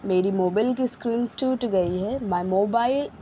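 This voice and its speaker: A woman with an Indian accent teaching spoken English in a casual lesson, mixing chatty asides with slowly drawn-out example sentences. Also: mid-range voice, highs cut off, slight background noise.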